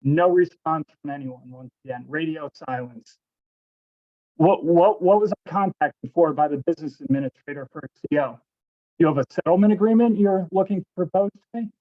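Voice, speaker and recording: A man's voice: fairly high pitch, normal speed. Confrontational man on a breaking-up remote line. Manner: confrontational, accusing. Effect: remote call audio breaking up. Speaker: resident speaking at public comment. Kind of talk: public comment at a council meeting. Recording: dull lo-fi remote call line.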